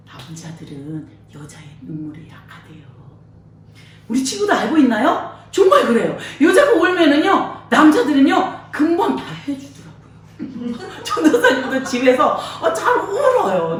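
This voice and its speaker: With lots of energy and frequent laughter, a woman preacher tells children a Bible story, acting out voices as her high voice swings widely up and down. She sounds distant from the mic, the church hall echoes heavily, and there's a slight hiss or hum.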